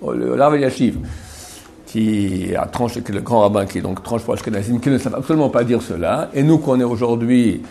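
A man teaching a religious class. He talks in a chatty way, checks often that the class follows, and slowly repeats words to show how they are said. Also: mid-range voice, gravelly, warm tone. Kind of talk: Torah class on Hebrew pronunciation.

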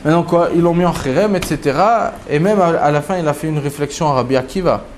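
A man teaching a Talmud story to a small group, his fairly high voice leaping up whenever he acts out a quote. The recording is noisy, with clicks over it. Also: fast talker. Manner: animated storytelling, acting out quotes with big pitch jumps. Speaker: Torah teacher. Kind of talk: lively Talmud story lesson.

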